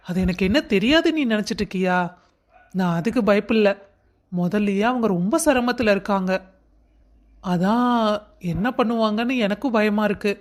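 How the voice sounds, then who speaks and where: A woman voicing a caring young husband in a cartoon story who teases gently and reassures his wife. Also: mid-range voice, lightly acted. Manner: warmly teasing, reassuring. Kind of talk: Tamil cartoon voice acting.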